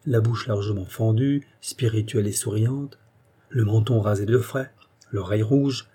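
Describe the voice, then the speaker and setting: Give me a male audiobook narrator reading a classic novel at a measured, even pace. His tone is dark and mellow, with a husky grain. He tells the story steadily, without rushing. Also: on the low side.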